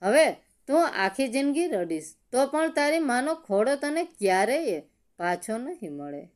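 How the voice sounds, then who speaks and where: A woman's voice: high voice, very animated, measured pace. A woman voicing a stern old village headman who scolds a son with heavy disapproval. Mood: stern scolding.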